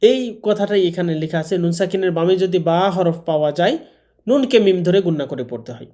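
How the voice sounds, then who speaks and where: A man teaching a Quran class, explaining rules patiently and slowly stretching out Arabic sounds as examples. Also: sits high, animated, warm tone. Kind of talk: classroom lesson.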